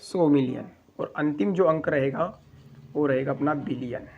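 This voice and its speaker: A man teaching a school maths lesson, walking through place values slowly, step by step. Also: a little high, narrow, tinny audio. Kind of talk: classroom explanation.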